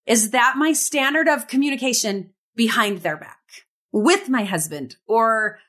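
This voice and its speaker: A woman hosting a podcast, reflecting and asking gentle questions in casual chat. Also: on the high side, animated, unhurried. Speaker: podcast host. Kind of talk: casual faith podcast interview.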